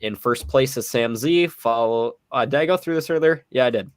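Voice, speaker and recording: Sounding ill and tired, this young male podcast host keeps the casual chat moving with a relaxed touch. His voice is medium-pitched and clean, and he speaks at a moderate pace.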